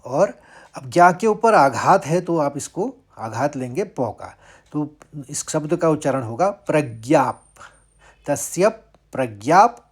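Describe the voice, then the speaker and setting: A man teaching Sanskrit verse recitation, chanting each line slowly and higher before explaining it word by word. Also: expressive, slightly rough. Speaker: Gita teacher. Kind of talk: slow Sanskrit recitation lesson.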